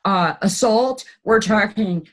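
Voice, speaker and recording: A woman in casual chat, telling a story in an animated way and repeating phrases for emphasis. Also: medium pitch, slow.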